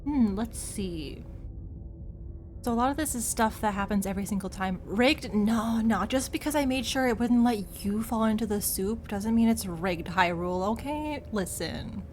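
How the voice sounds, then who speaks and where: A woman's voice: a little high, moderate pace, a little mellow. A woman doing casual, playful commentary as she streams a game, chatting and reacting aloud. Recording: faint music behind the voice.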